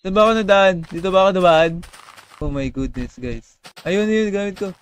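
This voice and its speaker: Young guy streaming a game, bit high voice, chatty, reads chat out loud, faint hiss behind. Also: lively intonation, fairly quick. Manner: chatty, reads chat aloud, screams when startled. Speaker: gaming streamer. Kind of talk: live Minecraft stream commentary.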